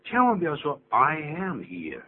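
A man's voice: a little high, normal speed. Older man teaching English on tinny radio. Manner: animated, explanatory, mixes English phrases into Mandarin. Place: radio studio. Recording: tinny lo-fi radio broadcast with faint hum.

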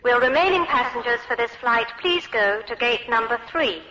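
Formal adult airport announcer, measured delivery, long echo, muffled course recording. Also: female voice, on the high side, expressive, bright, forceful tone. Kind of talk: scripted public address announcements. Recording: muffled echoey hall.

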